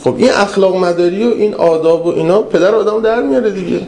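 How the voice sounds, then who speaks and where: A man gives a religious lecture in a high-pitched voice, telling stories with animation. He moves from raised to hushed delivery. The recording sounds roomy, like a hall, with faint ambience behind him. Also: vocal fry, a little hiss or hum. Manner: animated storytelling, swings between raised and hushed. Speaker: preacher.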